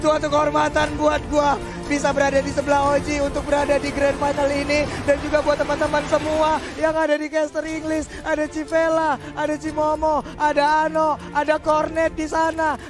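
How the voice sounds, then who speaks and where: A man with an Indonesian accent giving excited, exclamatory esports commentary as a co-caster, dropping English phrases into his talk. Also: very high-pitched, fairly quick, hardly any pauses. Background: music.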